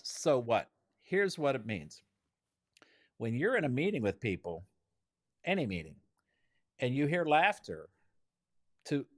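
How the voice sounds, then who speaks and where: Lively, animated male creativity trainer. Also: medium pitch, no room sound, clean studio sound. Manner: animated storyteller who chuckles and acts out what others said. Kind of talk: keynote-style teaching with anecdotes.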